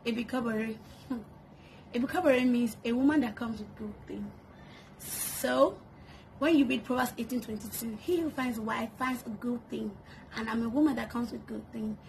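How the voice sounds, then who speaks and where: Woman in her twenties, playful vlog chat, raspy vocal fry, faint room hiss. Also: a little high, normal speed, a little mellow, low-quality recording. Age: 20s. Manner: bubbly and playful, laughing often. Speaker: YouTuber. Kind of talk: get-to-know-me vlog. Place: bedroom, indoors. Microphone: camera on a tripod in front.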